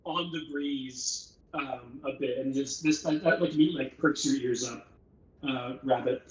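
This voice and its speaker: A man narrating a tabletop game as game master, relaxed, often laughing and repeating words as he sets the scene. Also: mid-range voice, moderate pace, roomy sound, poor audio.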